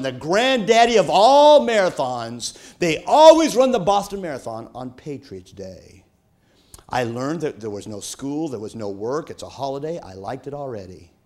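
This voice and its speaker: A middle-aged man preaching a sermon, telling a personal story with folksy, dramatic swings from shouts to hushed tones. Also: fairly high pitch.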